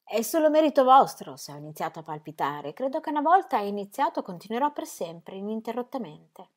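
A woman's voice: a little high, sing-song, a little fast, voice pushed up. A woman reading the part of a weary, charming man, a painter, in a languid, playful, theatrical manner. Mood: flirtatious.

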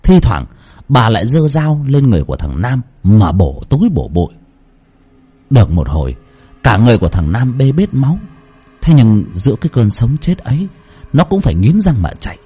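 A man narrating a horror story dramatically, with sweeping swings in pitch. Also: big pitch swings, moderate pace, dark tone, slightly rough.

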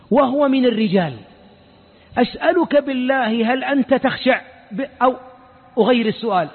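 A man with a Saudi accent giving a colloquial mosque lesson as a sheikh, firing rhetorical questions at his listeners and acting out the people he quotes. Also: extremely high pitch. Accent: Saudi Arabic. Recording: lo-fi phone-like audio with long reverb.

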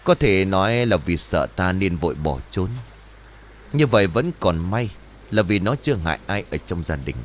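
A man's voice: animated, slight background noise. A man doing a grave old exorcist. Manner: slow, low and solemn.

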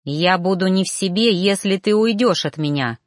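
Insistent lovesick male reaper, growling and steady , a woman reader voicing him. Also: medium pitch, moderate pace, no echo, studio quality, close to an everyday voice.

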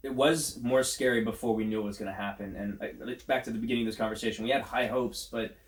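A man's voice: medium pitch, steady tone, quick pace, echoey room. A man who plays in a band, chatting as a guest and joking as he talks over the others. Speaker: musician guest. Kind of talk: casual interview chat.

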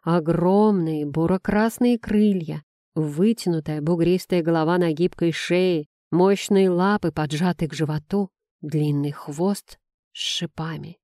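Mellow-voiced woman narrating an audiobook. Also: lowish voice, no echo, studio quality. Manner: measured, expressive storytelling. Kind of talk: first-person fantasy audiobook narration.

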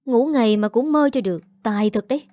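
A woman reading the lines of a fussy middle-aged mother who scolds in a brisk manner. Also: on the high side, dark tone, no room sound, faint music behind, close to an everyday voice. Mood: scolding.

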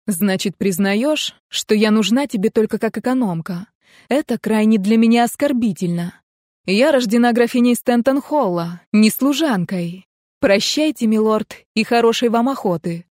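A woman reading the part of a proud, defiant young noblewoman in an audiobook, speaking in a cold, cutting, measured way. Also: a little high, animated, a little mellow, no echo, clean studio sound, close to an everyday voice.

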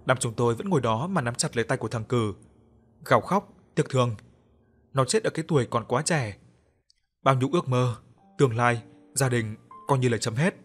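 A man narrating a story in the first person, with a somber, measured reading and acted dialogue. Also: medium pitch, lively intonation, fairly bright tone, slightly rough, faint music behind.

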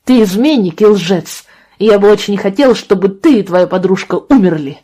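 A woman's voice: medium pitch, lively intonation, normal speed, natural voice. A woman voicing a bitter, hurt teenage boy. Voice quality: sharp and biting.

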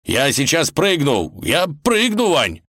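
A man voicing a loyal, flustered talking grey wolf in a storybook reading, hurried in manner. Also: fairly low pitch, big pitch swings, creaky, fairly bright tone, no room sound, clean studio sound, voice pushed up, heavily acted. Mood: urgent.

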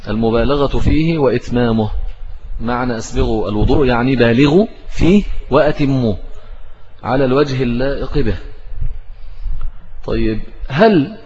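Speaking with a medium-pitched, darkish voice, an Egyptian man teaches a religious lesson on hadith, asking his own questions before answering them. The Egyptian Arabic delivery comes through a muffled recording with long hall reverb and a little hiss or hum.

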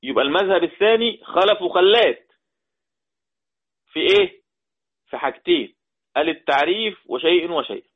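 An Egyptian man gives a lesson, going back over each point and checking that his students follow. His voice sits a little high for a man. The sound is thin and narrow, like a phone line. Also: expressive, husky. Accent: Egyptian Arabic. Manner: repeats points slowly, quizzes the class. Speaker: Quran recitation teacher. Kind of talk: classroom lesson. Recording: tinny phone-like audio.

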